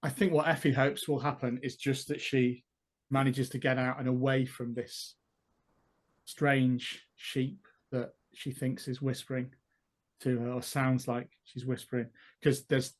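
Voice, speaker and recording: A man at a tabletop game voices his character's choices at an ordinary mid pitch. He thinks aloud and pieces the scene together one step at a time. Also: little pitch movement, a little slow. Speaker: player. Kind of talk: tabletop role-play storytelling.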